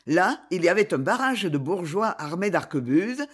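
An audiobook narrator reads a dramatic novel in an expressive storytelling manner. The pitch rises and falls a great deal, which keeps the reading animated. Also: normal speed, slightly rough.

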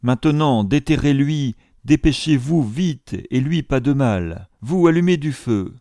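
A man's voice: medium pitch, expressive, measured pace, mellow, dry recording, studio quality, voice pushed up. A man voicing a frantic foreign male servant who pleads urgently in broken, pidgin phrasing.

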